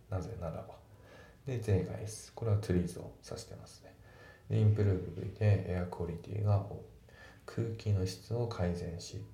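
A man teaching English grammar and pronunciation in a calm, methodical way, reading example sentences slowly. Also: deep voice, creaky. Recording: echoey room with faint background noise.

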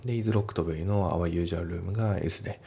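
Low, gravelly-voiced man teaching calmly. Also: moderate pace, slight background noise. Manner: relaxed, explanatory, many fillers. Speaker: English teacher. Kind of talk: casual lesson walkthrough.

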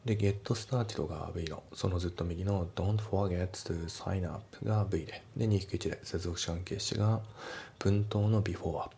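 Low gravelly man explaining English grammar. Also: fairly even intonation, dark tone, a little hiss or hum. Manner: breaks sentences into parts, reads English lines slowly. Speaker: English teacher.

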